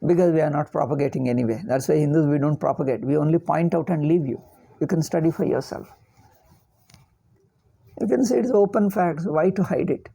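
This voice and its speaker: Mellow, husky South Indian-accented older speaker. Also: mid-range voice, brisk. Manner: repeats words and phrases emphatically. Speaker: spiritual teacher. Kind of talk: informal religious discourse.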